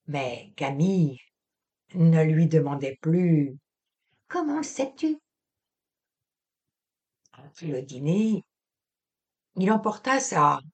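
A woman reading a literary novel aloud in a measured, expressive way. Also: lowish voice. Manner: slow, measured, expressive delivery. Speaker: audiobook reader.

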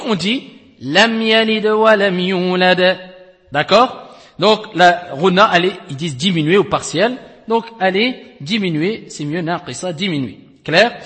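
A man giving a recited-text lesson in a step-by-step teaching style, often checking that his students follow and chanting examples slowly. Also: sits high, sharp tone, in a large hall. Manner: explains step by step, often checks with "d'accord?" and "clair?". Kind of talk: recorded tajwid lesson.

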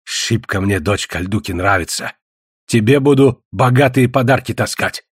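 Old man figure, low voice, halting broken speech, eager suitor, husky, dry audiobook sound, voiced by a male reader. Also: no room sound. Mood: pleading. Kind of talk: audiobook character voice.

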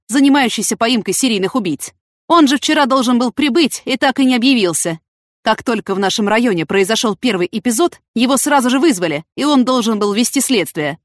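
A woman voicing a gruff, commanding male police major who barks orders. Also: a little high, dry recording, studio quality, voice pushed up, lightly acted.

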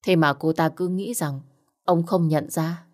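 A woman narrating a dramatic family story in an even storytelling manner. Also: sits low, measured pace.

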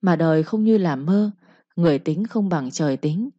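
A woman narrating a village folk story calmly, with proverbs. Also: fairly low pitch, normal speed, no echo. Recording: dull lo-fi recording.

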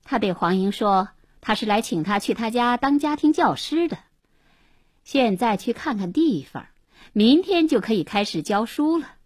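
A woman telling a dramatized story on the radio, voicing the characters' lines herself and rising to shouts in the tense moments. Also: a little high, animated, normal speed, breathy edge, no room sound, studio quality. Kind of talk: dramatic story narration with voiced dialogue.

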